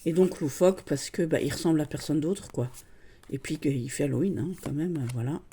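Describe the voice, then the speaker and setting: A middle-aged woman chatting casually as she shows off her collection, warm and mellow in tone. She gushes freely and keeps dropping small fillers between her words, never in a hurry and never formal. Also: deep voice, fairly quick, slight background noise. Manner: gushing, chatty, full of "voilà" and "hein". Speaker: card-deck collector vlogger. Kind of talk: casual show-and-tell chat.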